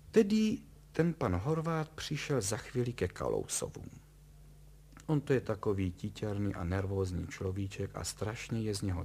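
A man's voice: fairly low pitch, gravelly, a little mellow, slight background noise. A man reading a story aloud in a wry, conversational way. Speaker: narrator.

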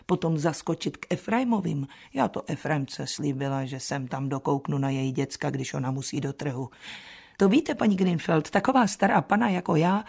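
An actress playing a put-upon old spinster housekeeper who grumbles dryly in a chatty radio play. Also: female voice, low voice, creaky, husky, full character voice. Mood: worried. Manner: dry, chatty complaining with soft asides.

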